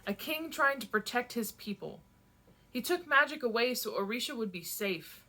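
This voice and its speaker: An earnest young prince defends his father and pleads to be understood, voiced by a woman with little change to her own voice. The tone is bright and insistent. It is a plain read-aloud of a novel. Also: a little high, lively intonation, normal speed, voice pushed up.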